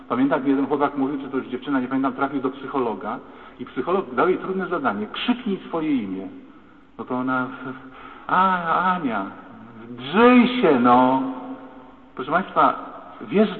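A man preaching a lively, dramatic sermon as a priest in a church. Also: mid-range voice. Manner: lively, dramatic, acts out shouting voices. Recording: echoey church, tinny phone-like sound.

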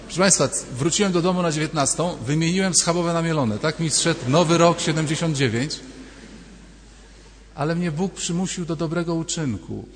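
This priest's voice sits on the high side, moving at a moderate pace with slight background noise. His sermon is conversational and full of stories, with small dialogues acted out, all carried by the long reverb of the church.

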